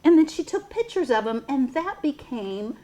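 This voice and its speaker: A woman preschool teacher using a storytime voice, reading aloud and talking to young children in simple, deliberate phrases. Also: high-pitched, very animated, warm tone, poor audio. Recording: noticeable background noise.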